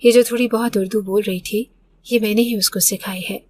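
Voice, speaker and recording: A man's voice: high-pitched, steady tone, a little mellow, a little hiss or hum, lightly acted. A woman voicing her grown son, who speaks in a curt, dismissive way. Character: grown son, brusque and defiant.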